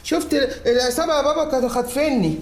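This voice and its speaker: An actor playing an excitable, childish grown son, speaking with an Egyptian accent. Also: male voice, very high-pitched, rapid-fire, a little hiss or hum. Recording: echoey room.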